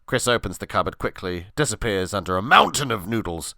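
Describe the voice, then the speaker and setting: A middle-aged man narrates his own comic memoir with wry, deadpan timing. His voice is bright and lively, rising and falling a lot. The sound is dry and close. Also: on the low side, brisk, creaky, no room sound. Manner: wry, deadpan storytelling with crude jokes.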